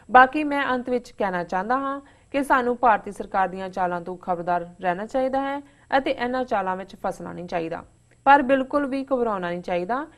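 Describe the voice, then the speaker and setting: A woman co-host reads a viewer's letter aloud on air in an earnest, measured way. Her voice sits in a middle range. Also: medium pitch.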